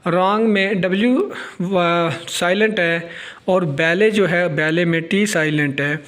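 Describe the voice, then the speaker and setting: A man with a Pakistani accent who teaches a lesson and explains each word step by step, reading the English lines out slowly. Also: high voice, a bit bright.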